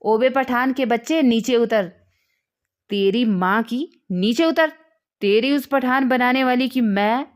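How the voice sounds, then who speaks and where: A thin, shaken man yells crude insults at a fellow passenger, his voice strained and rising, put on by a woman reading the story. The shouting sits higher than a man's usual pitch, pushed hard and trembling with rage. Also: takes it slowly. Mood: furious yelling.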